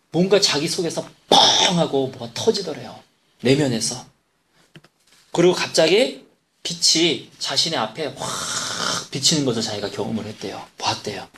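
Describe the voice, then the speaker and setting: A man preaching in a church, a pastor telling a story in an animated way with quoted dialogue. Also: fairly high pitch, a little hiss or hum. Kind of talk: sermon storytelling.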